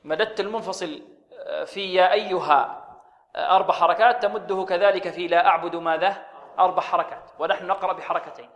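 A man with a high voice leads a radio recitation lesson. He explains each rule, asks the listeners over and over, then chants the words slowly and drawn out. A long reverb trails behind him. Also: fairly even intonation, fairly bright tone. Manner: quizzes listeners with repeated questions. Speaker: Quran recitation teacher.

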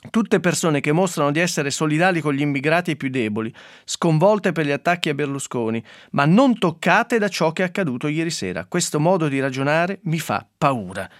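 A man's voice: fairly high pitch, expressive, fairly quick, dry recording, studio quality. A man hosting a radio press review, reading newspaper quotes in a conversational way with asides and fillers. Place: radio studio.

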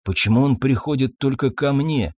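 Мужчина-чтец играет усталого, запуганного официанта средних лет, который говорит медленно и умоляюще. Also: male voice, mid-range voice, darkish tone, no echo, clean studio sound, natural voice. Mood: pleading. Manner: slow, weary, pleading speech. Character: tired, timid, guilt-ridden middle-aged waiter.

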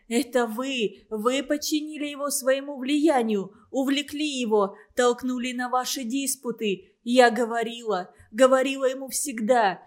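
A woman reading an audiobook, voicing a distraught middle-aged mother who shrieks tearful accusations. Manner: shrill, tearful outbursts.

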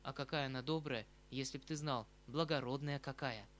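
A man's voice: medium pitch, brisk, fairly bright tone, slight background noise, lightly acted. A man reading the part of a tender, fretful aging uncle, a retired colonel, who talks in an emotional, rambling, pleading way. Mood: resigned. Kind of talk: audiobook reading of a classic novel. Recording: faint background music.

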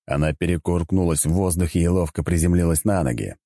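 A man narrates a fantasy audiobook in a wry, measured tone. His voice is low and mellow, recorded close and dry. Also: no room sound. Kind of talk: scripted narration.

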